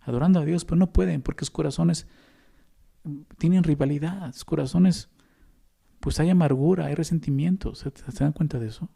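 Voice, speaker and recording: A man's voice: a little high, normal speed, gravelly, mellow, slightly rough. A man with a Mexican accent preaching a sermon as a pastor, conversational and often adding tag questions to the listeners. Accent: Mexican Spanish.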